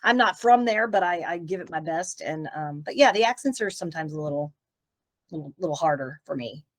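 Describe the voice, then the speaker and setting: A middle-aged woman from Tennessee chats openly with her interviewer, rambling from one thought to the next. Her voice sits a little low for a woman, relaxed and unhurried in a casual video-call interview. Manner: chatty, rambling, warm and open. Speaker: guest voice actress.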